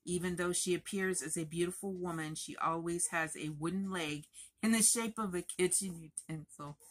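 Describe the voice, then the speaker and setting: A woman crochet vlogger talking in a chatty, rambling, expressive way to her viewers. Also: fairly low pitch, normal speed. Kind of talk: casual chatty vlog.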